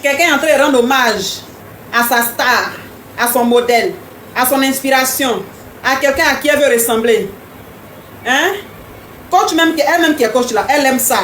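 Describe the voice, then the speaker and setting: A woman's voice: high voice, moderate pace, long pauses, a bit bright, echoey room, slight background noise. A woman hosting a live stream, chatting casually and teasingly with viewers, repeating herself often. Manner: repetitive, teasing, talks straight to commenters.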